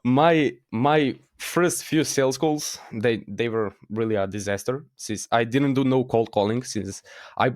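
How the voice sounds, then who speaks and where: Croatian teen guy, lowish voice, lots of "you know" and restarts, dry sound. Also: a little mellow, dry recording. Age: teens. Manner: hesitant, frequent fillers and restarts, laughs at himself. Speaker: guest. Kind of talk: casual interview.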